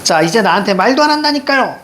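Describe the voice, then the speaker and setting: A man voicing a fretful middle-aged mother in a high, strained voice, complaining in an exasperated, plaintive way. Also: expressive, fast talker, a bit bright, a little hiss or hum.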